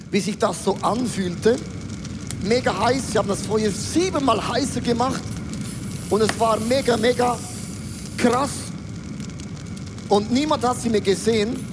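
An emphatic male preacher in full sermon mode, rallying his audience and tossing in English catchphrases. His voice sits very high for a man. The sound rings with the long reverb of a large hall. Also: background noise. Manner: emphatic, rousing, calls for the audience to answer.

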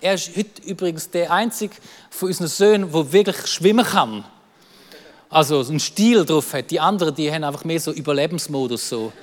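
A man with a Swiss German accent preaching a lively sermon, acting out quoted voices and repeating words as he goes. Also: a little high, a little fast, long reverb tail. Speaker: pastor.

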